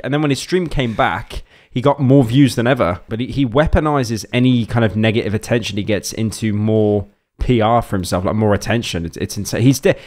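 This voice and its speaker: A man's voice: medium pitch, darkish tone. A man chatting casually on a podcast, rambling with lots of fillers and restarts. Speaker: podcast co-host.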